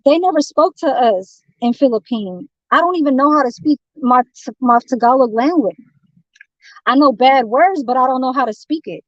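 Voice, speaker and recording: A high-pitched, expressive woman from San Francisco rants on a livestream at normal speed, cursing constantly and rambling confrontationally. There's no room sound, and the stream audio is dull, dry and lo-fi.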